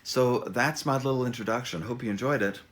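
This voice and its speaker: Speaking at medium pitch with a slightly bright tone, this man is introducing his memoir as its author. He chats loosely, reads theatrically, and keeps stopping himself to toss in wry remarks.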